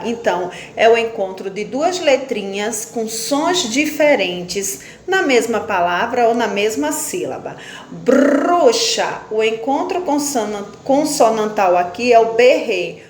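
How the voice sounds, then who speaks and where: A woman teacher giving a phonics lesson, slowly spelling out and splitting words into syllables while asking questions and answering them herself. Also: a little high, expressive. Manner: slow, stretches out syllables when splitting words. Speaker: primary school teacher. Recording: echoey room with faint background noise.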